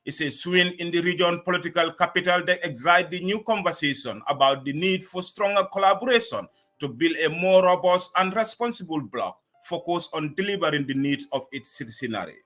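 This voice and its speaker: A man hosting a current-affairs talk show, with a formal, measured delivery in his introductions and questions. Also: a little high, fairly bright tone. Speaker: news talk show host.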